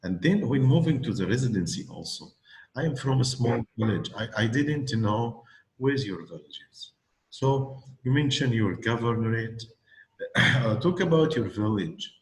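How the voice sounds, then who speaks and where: A man's voice: medium pitch, animated, a little slow, echoey room, low-quality recording. A man with an Egyptian accent teaching English one-on-one, hesitant and full of fillers and restarts. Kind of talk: one-on-one speaking lesson.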